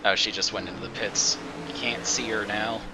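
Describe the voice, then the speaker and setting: A man's voice: fairly low pitch, fairly even intonation, normal speed, noisy background. A man hosting casual live sim racing commentary as race commentator.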